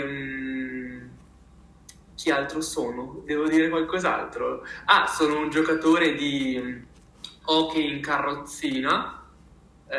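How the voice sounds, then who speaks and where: A man speaking emphatically and expressively in a casual interview, with halting phrasing and repeated words. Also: mid-range voice, sharp tone. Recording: roomy, echoing sound.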